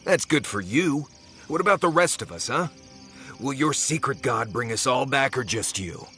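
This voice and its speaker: Scornful fantasy game companion, bright edgy voice, pitch jumping all over, slightly low. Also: male voice, lively intonation, moderate pace, soft background music. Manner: scornful, heated outbursts. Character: bitter, sarcastic male adventurer companion. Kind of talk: video game voice acting.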